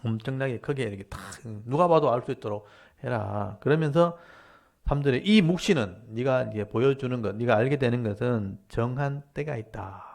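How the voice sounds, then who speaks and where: A middle-aged man, a pastor giving a Bible lecture sermon, reading scripture aloud slowly and then explaining it in lively everyday speech, acting out complaints with sharp rises in voice. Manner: acts out the prophet's complaints with sharp rises in pitch and loudness.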